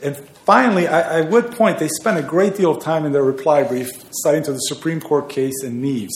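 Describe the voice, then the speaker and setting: Male lawyer arguing in court, kinda high voice, emphatic, echoey room. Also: a little fast, a little hiss or hum. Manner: earnest, emphatic legal argument. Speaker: appellate attorney. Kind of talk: oral argument before a court.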